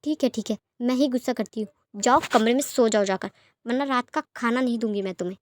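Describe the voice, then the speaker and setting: A woman voicing a practical young woman who looks after others and scolds briskly, in a storybook reading. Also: on the high side, darkish tone, natural voice. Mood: scolding.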